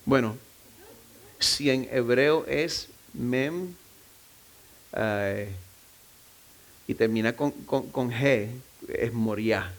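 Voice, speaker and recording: A man's voice: mid-range voice, very slow, pauses often. Man preaching a conversational sermon. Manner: conversational preaching with frequent restarts and self-deprecating asides. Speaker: pastor. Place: church.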